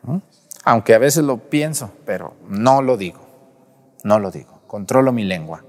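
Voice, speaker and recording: A man's voice: lowish voice, animated, moderate pace, a little mellow, in a large hall. A man preaching a sermon at mass, scolding the congregation directly with rhetorical questions. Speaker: priest. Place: church.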